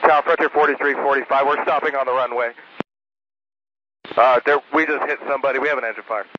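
A man speaking as an airline pilot over a cockpit radio transmission to the tower, clipped and steady with hesitant fillers, heard as lo-fi air traffic audio. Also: medium pitch, quick pace.

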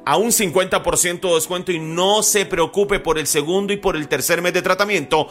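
A man hosting an infomercial with an urgent hard-sell pitch, repeating the phone number again and again. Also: brisk, fairly bright tone, faint music behind. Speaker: infomercial host.

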